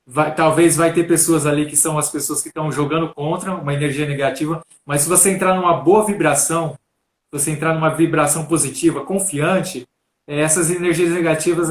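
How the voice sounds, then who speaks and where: Echoey Brazilian man giving coaching tips. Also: a little high. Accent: Brazilian Portuguese. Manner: calm, instructive, repeats "né?". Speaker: coach and speaker. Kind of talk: live stream talk, answering questions.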